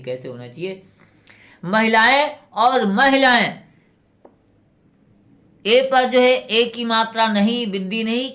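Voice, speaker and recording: A woman teacher going through a spelling lesson, reading each word aloud and then correcting it with a question. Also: fairly low pitch. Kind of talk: spelling lesson for exam students.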